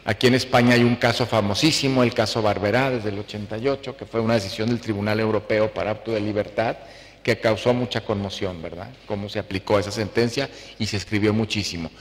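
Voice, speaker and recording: A man on an academic panel, laying out his points one by one in a measured way with frequent fillers. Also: on the low side, fairly even intonation. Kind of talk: round-table academic talk. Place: lecture hall. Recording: long hall reverb.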